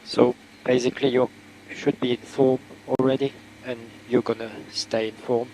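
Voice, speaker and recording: A man's voice: mid-range voice, little pitch movement, normal speed, darkish tone, low-quality recording. A man on a race team briefing the driver on procedure over race car radio. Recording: radio link with faint car noise.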